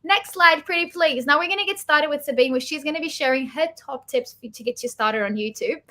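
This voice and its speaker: A woman's voice: high voice, a little fast, sharp tone. A woman hosting an online masterclass, introducing speakers in an enthusiastic, gushing way. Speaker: webinar host.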